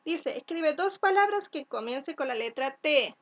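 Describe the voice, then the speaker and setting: A woman from Chile teaching a first-grade class, speaking slowly and clearly, sounding out letters and syllables and often checking with "¿cierto?". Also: high-pitched, expressive. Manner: asks "¿cierto?" to check along. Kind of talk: recorded remote class instructions.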